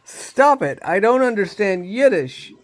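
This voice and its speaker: A man voicing a frightened fishmonger who shouts frantically, pitched well above his own voice. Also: animated, a little slow. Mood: panicked.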